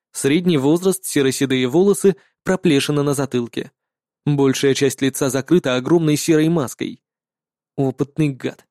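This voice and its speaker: Man narrating in a dark, mellow voice. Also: a little high, no echo, studio quality. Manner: calm, matter-of-fact storytelling. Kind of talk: first-person audiobook narration.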